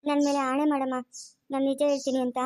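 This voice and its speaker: A woman's voice: high voice, completely flat delivery, quick pace, a little mellow, lightly acted. A woman playing a pleading, anxious mother. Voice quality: emotional, pleading. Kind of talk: amateur family drama acting.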